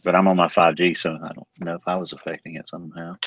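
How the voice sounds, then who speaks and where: A man's voice: low-pitched, little pitch movement, fast talker, fairly bright tone, dry recording. A man co-hosting over a remote call, his voice sounding thin like AM radio as he chats casually and jokes easily. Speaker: co-host calling in. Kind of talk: casual chat. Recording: dull lo-fi call line.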